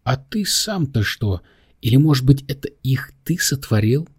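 A man voicing a feisty, commanding young woman who shouts orders in an audiobook. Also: animated, moderate pace, husky. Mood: suspicious. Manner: shrill, bossy.

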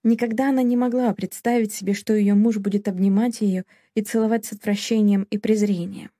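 A woman narrates an audiobook in a steady, dramatic storytelling manner. Her voice is dark and mellow. The recording is close and dry. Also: medium pitch, a little fast, no echo. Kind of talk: scripted narration.

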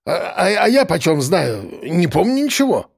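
A man voicing a hungover, whiny drunk man suspected of murder, with a raspy, slurred voice. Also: high voice, huge pitch swings, moderate pace, pitched above the performer's own voice, full character voice.

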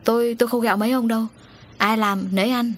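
A woman's voice: mid-range voice, steady tone, brisk, slight background noise, natural voice. A woman voicing a timid young man who stammers nervously, in a storybook reading.

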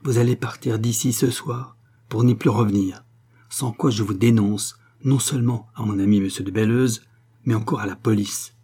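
A stern doctor threatens and accuses in a hard tone, read by a male audiobook narrator. The voice is dark and husky. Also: on the low side, steady tone, moderate pace. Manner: harsh, accusing.

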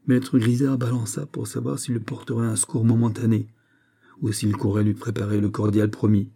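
Low, dark, husky male narrator. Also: little pitch movement, moderate pace. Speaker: audiobook narrator. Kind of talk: scripted narration of a classic novel.

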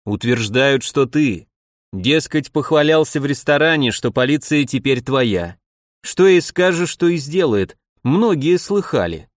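A man's voice: mid-range voice, lively intonation, a little slow, no room sound, clean studio sound, natural voice. A man voicing a stern, imperious police chief who scolds and commands, in an audiobook reading. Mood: interrogating.

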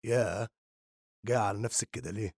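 A man voicing a joking teenage boy who smokes, with an Egyptian accent, speaking low and quietly in an audiobook reading. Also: fast talker, gravelly, breathy edge, no room sound, clean studio sound. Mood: gentle teasing. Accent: Egyptian Arabic.

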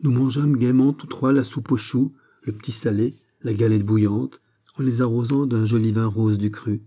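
A man reading a literary short story aloud in a measured, even narration. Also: medium pitch. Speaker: audiobook reader.

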